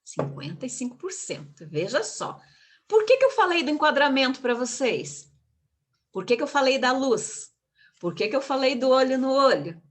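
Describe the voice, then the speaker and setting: A woman's voice: high voice, very animated, normal speed. A woman giving an online lecture on public speaking, emphatic and full of rhetorical questions. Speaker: communication speaker, guest of an online live.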